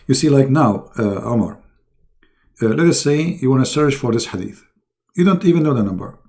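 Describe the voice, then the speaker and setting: A man hosting a live online debate stream, hoarse and losing his voice, often clearing his throat and coughing as he talks to viewers. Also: mid-range voice, animated, moderate pace, darkish tone.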